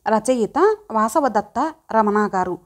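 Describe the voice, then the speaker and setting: A woman narrating an audiobook story in an expressive storytelling manner. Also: on the high side, slow pace.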